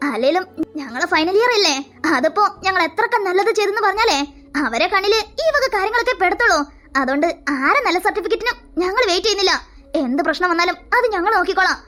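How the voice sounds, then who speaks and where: Woman voicing a high, bright college girl in a cartoon, scolding and reassuring by turns. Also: animated, fast talker, soft background music, heavily acted. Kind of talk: Malayalam cartoon voice acting.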